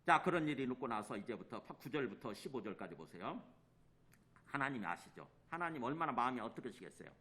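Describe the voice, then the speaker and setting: A man's voice: mid-range voice, very animated, quick pace, pushed and bright. A male pastor preaching a sermon, putting questions to the congregation and acting out the quoted lines. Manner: asks the congregation questions and answers them himself.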